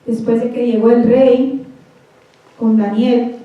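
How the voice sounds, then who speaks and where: A woman's voice: fairly high pitch, little pitch movement, takes it slowly. A woman preacher giving a fervent sermon in a church hall, often calling out to the congregation. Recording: echoey hall, voice from far off, dull sound.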